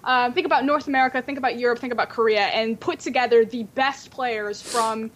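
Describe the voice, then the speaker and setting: A woman's voice: fairly high pitch, fairly even intonation, a little fast, muffled recording, slight background noise. A woman hosting a casual podcast discussion, chattily setting up arguments and putting questions to her panel. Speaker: podcast host.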